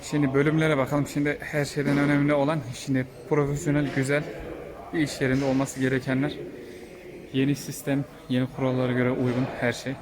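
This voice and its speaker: A man's voice: mid-range voice, little pitch movement, a little fast, a crowd in the background. A man hosting a casual vlog tour and interview in a car repair workshop, talking with frequent hesitation fillers. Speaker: host touring a car repair shop.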